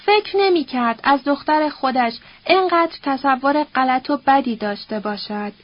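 High-voiced woman narrating a novel. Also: highs cut off. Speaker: audiobook narrator.

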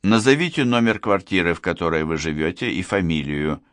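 A man's voice: deep voice, fairly quick, a bit bright, dry recording, clean studio sound. A man voicing a mild, reassuring police colonel in an audiobook. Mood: calm. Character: calm soothing middle-aged male police colonel.

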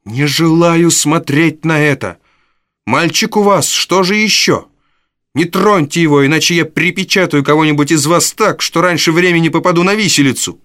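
A man's voice: mid-range voice, normal speed, dry recording, studio quality, natural voice. A man voicing a fierce young woman thief who cries out and defies her gang. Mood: defiant. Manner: shouting, pleading, defiant.

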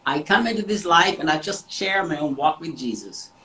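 An emphatic Austrian man whose first language is German preaches a devotional sermon with an interpreter, repeating words for stress. His voice is on the high side, expressive, pushed, and bright at a moderate pace, in a rough recording.

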